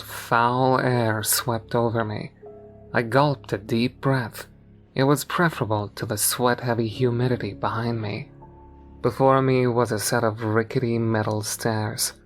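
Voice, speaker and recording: A man tells a first-person horror story in an even, measured narration. His voice sits in a middle register, with faint music playing behind him. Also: medium pitch. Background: faint background music.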